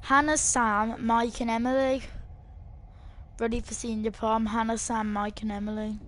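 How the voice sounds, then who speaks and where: A woman's voice: on the high side, flat delivery, normal speed, a bit bright. A woman giving casual commentary as she plays a video game. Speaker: gamer commentator. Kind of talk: casual let's play commentary.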